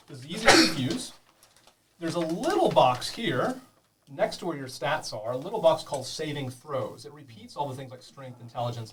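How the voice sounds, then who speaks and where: Man running a tabletop game, chatty, explains rules, mid pitch, slightly distant mic. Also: a bit bright, slight background noise. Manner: chatty, explanatory, with many fillers. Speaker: game master. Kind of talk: narrating a tabletop game for beginners.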